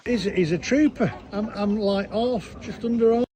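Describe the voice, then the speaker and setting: A man's voice: sits high, normal speed, mellow. A man chatting casually for a vlog, talking to the camera and to the person with him. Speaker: vlogger.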